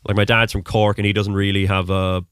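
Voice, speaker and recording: A young Irish man from Mullingar, Westmeath, a podcast host being interviewed, answers questions in a rambling, casual way with lots of ums. His voice is lowish, fairly bright, clear and resonant, with a flat, brisk delivery and an Irish accent neutral enough that some hear it as American. The recording is studio quality with no echo.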